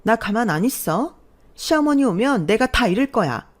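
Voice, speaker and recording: A woman voicing a spoiled, sneering young sister-in-law in a read-aloud story, in a high, indignant voice. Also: sing-song, moderate pace. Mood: accusing. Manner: shrill, indignant. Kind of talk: storybook voice acting.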